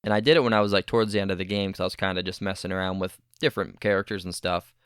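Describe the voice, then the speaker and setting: A man's voice: low-pitched, flat delivery, racing, fairly bright tone, smooth, no echo, studio quality. A man co-hosting a casual gaming podcast, rambling and correcting himself as he talks, often laughing. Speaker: podcast co-host.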